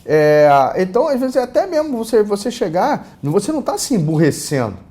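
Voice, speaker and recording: A man with a Brazilian accent giving an online course lecture on a lapel mic, casual and full of fillers and repeated words, swinging between loud and soft. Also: high voice, brisk. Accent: Brazilian Portuguese. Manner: casual, many fillers and repeated words, lively shifts in loudness. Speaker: course instructor.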